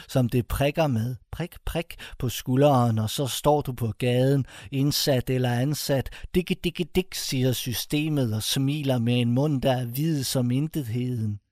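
Mellow-voiced man reading a bitter story. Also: mid-range voice, fairly even intonation, hardly any pauses, no echo, studio quality. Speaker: short-story reader. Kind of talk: scripted first-person narration.

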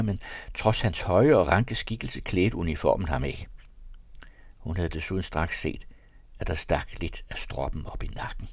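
A man reading a novel aloud in a measured, even storytelling manner. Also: sits low, dry recording. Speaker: audiobook narrator.

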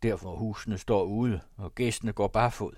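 A man reading aloud and voicing a sly, rough poacher of the heath who talks in a wry, folksy way. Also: on the low side, a little mellow, no echo, studio quality, close to an everyday voice. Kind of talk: audiobook character voice.

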